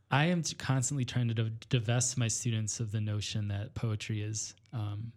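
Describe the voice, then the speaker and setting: A man's voice: fairly low pitch, fairly even intonation, moderate pace, darkish tone. Thoughtful hesitant man from Illinois. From northwestern Illinois, US. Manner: thoughtful, hesitant, many fillers and restarts. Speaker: guest poet and teacher. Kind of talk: reflective conversation.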